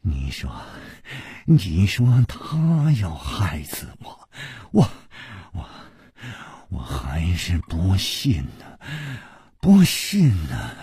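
A man's voice: high voice, wildly swooping pitch, extremely slow, long pauses, darkish tone, husky, no echo, studio quality, pitched above the performer's own voice, full character voice. A man voicing a poisoned young man who stammers and falls to whispers in disbelief. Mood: dazed. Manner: stammering, faltering, trailing into whispers.

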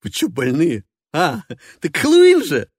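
A man's voice: a little high, very animated, normal speed, darkish tone, slightly rough, dry recording, studio quality, pitched above the performer's own voice. A man reading a play aloud and voicing a casual young guy in a Death costume who talks in an offhand, slangy way.

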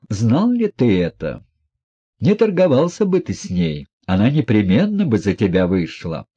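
A man's voice: a little high, warm tone, breathy edge, dull audio, voice pushed up, full character voice. A man reading an audiobook, voicing a proud, reckless young woman who talks in a mocking, defiant way. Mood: bitter mocking.

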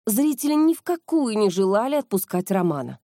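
A woman narrating an audiobook with steady, measured storytelling. Her timbre is dark and mellow. The recording is dry, with no room echo. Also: medium pitch. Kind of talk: scripted narration.

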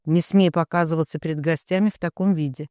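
A man's voice: on the high side, steady tone, fast talker, darkish tone, no echo, studio quality, close to an everyday voice. A man voicing a cold, domineering middle-aged father who gives orders without pity. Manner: cold and commanding.

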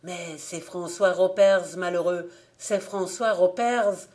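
A woman's voice: lowish voice, steady tone, takes it slowly, darkish tone. A woman voicing an old village gravedigger in an audiobook, anxious and pleading. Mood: whispering urgently.

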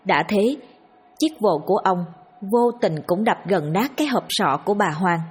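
A woman narrating a scripted horror story in a steady, grim, dramatic manner. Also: mid-range voice, normal speed, slightly rough, faint music behind.

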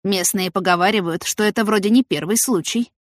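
A woman's voice: medium pitch, brisk, dry recording, clean studio sound, lightly acted. A woman voicing an indignant, suspicious female farm worker who complains a lot.

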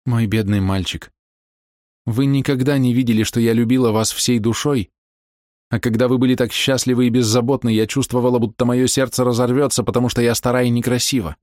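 A man's voice: medium pitch, fairly even intonation, a little fast, a little mellow, no echo, studio quality, voice pushed up, lightly acted. A man voicing a lonely, self-doubting woman of forty who pleads tearfully in an audiobook reading.

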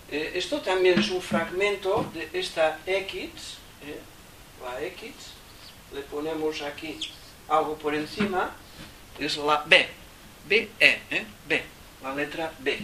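Captured on a distant mic with a little background noise, a Catalan-accented man gives a small group an informal talk on theosophy. His pitch is slightly high and his tone bright and forceful. He wanders from point to point, thinks out loud, and keeps tossing in "¿eh?"

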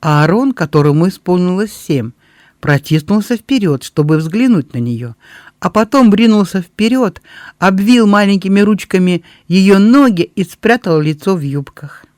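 A man narrating an audiobook in a steady, expressive storytelling way. His voice sits high for a man. The sound is dry and close, with no room around it. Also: moderate pace, no room sound. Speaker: audiobook reader. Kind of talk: scripted narration.

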